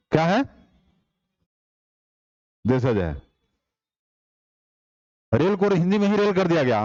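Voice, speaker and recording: A man's voice: on the high side, darkish tone, no room sound, dull audio. A man teaching an online exam-prep class, explaining step by step and putting rhetorical questions to the class.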